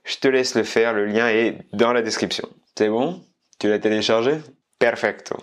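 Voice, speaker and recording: A Spanish teacher who runs his own channel speaks at a moderate pace in a steady, lowish voice. In a casual video lesson he chats directly with the viewer, explaining in French and dropping in Spanish phrases.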